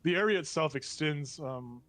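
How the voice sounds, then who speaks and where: A man narrating a tabletop game as game master, improvising descriptions in a halting, casual way with slangy asides. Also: a little high, fairly bright tone.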